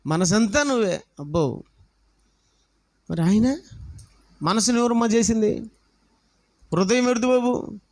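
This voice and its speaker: A man preaches in an animated, storytelling way. His voice sits unusually high for a man. He keeps circling back with repeated rhetorical questions to his listeners. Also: measured pace, pauses often. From South India. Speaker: pastor. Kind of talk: sermon.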